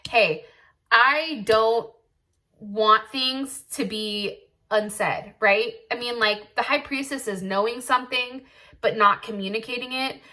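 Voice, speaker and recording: A woman's voice: a little high, bright, forceful tone. A woman giving a casual tarot reading, chatty and blunt, swearing freely and thinking aloud with lots of "like" and "I feel like". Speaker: tarot reader.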